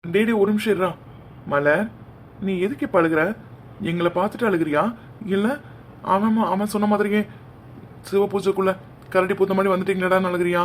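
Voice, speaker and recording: High-voiced man scolding sarcastically. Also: fairly even intonation, brisk, long pauses, slight background noise. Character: young man, a protective brother facing the groom's family. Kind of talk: cartoon dialogue acting.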